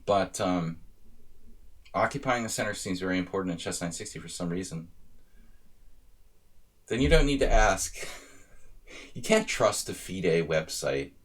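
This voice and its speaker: A man in his thirties with a deep voice casually commentates on his own chess games during a live stream. He thinks aloud about his moves while joking with the chat.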